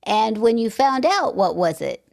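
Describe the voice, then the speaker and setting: A woman's voice: a little high, sing-song, a little slow, gravelly, a little mellow. A woman hosting a podcast interview, talking in a chatty, conversational way with asides. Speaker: podcast host. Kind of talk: casual interview chat.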